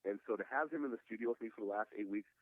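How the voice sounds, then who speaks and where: A man in his late thirties speaks quickly and earnestly as a guest glassblower. He reflects aloud and sprinkles his talk with "man" and "you know". His voice comes through a tinny, phone-like line that sounds close and dry. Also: lowish voice, dry recording. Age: 30s. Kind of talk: casual podcast conversation.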